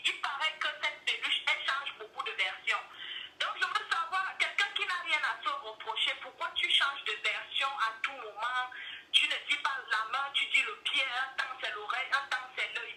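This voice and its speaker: A woman calling in over speakerphone, reasoning her case calmly with hesitant restarts. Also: high-pitched, far from the mic, a little hiss or hum. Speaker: caller. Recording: tinny speakerphone call, echoey.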